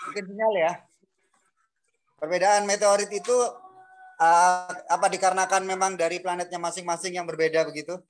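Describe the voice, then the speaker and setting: A man asking a question in a casual discussion, heard over an online call that keeps cutting out, speaking in a hesitant, halting way. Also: sits high, level tone. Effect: choppy, breaking-up online call connection. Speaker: remote participant asking a question.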